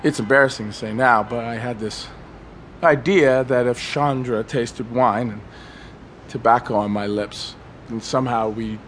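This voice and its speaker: A man's voice: medium pitch, slight background noise. A man reading a first-person story aloud as a rambling, wistful monologue, stumbling and restarting as he remembers. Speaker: audiobook narrator.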